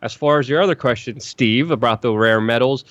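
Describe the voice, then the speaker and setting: A man from Poland hosting a casual live-stream show, reading viewer messages and talking in quick bursts with restarts and repeated phrases. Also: mid-range voice, fairly bright tone, no room sound, muffled recording. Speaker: host.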